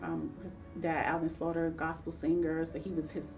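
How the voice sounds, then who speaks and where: A woman's voice: sits low, level tone, normal speed, darkish tone. A woman counselor telling her own life story in an interview, earnest and reflective, acting out the voices of people she remembers. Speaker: counselor guest. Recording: voice a little distant from mic, faint music.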